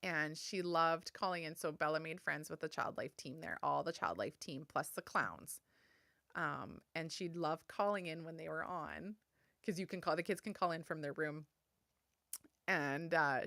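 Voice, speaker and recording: A woman in her thirties hosts a solo podcast, talking close to the mic in a soft, tender, heartfelt way. Her voice sits a little low for a woman but has a bright, clear edge. The sound is dry, with no room around it. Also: animated, moderate pace, no echo. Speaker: podcast host.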